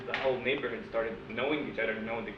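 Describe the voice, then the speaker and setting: A man making informal, halting panel remarks. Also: medium pitch, steady tone. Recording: distant, dull, echoey, noisy room.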